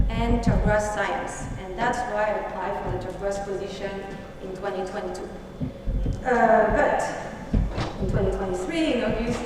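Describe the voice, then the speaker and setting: A woman from France with a French accent, speaking English as a second language while she gives a conference talk, hesitant and full of fillers as she explains her slides. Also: mid-range voice. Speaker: university researcher giving a talk. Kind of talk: conference presentation. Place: conference hall. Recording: echoey hall, distant mic, background noise.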